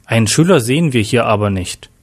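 A man's voice: medium pitch, lively intonation, fairly quick, close to an everyday voice. A man voicing a bomb squad member reporting over the radio in a clipped, matter-of-fact way. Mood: focused.

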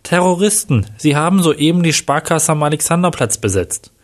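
A frantic young woman secretary, as a male narrator puts her on in a crime storybook. Her voice is pitched up a little and comes out hectic and alarmed. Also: animated, normal speed, close to an everyday voice.

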